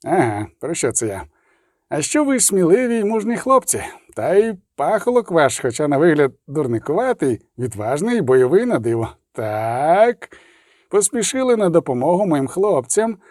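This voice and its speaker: A man voicing the eldest male robber knight in an audiobook, measured and knowing. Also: high voice, warm tone, dry recording, studio quality. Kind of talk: audiobook character voice.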